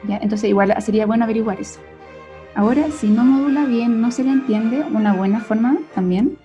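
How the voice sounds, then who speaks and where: This speech therapist, a young woman with a Chilean accent, has a slightly high, warm, husky voice. She explains her lesson conversationally, frequently ending sentences with a questioning "ya?" or "cierto?". The recording is dull and lo-fi, with faint music behind her.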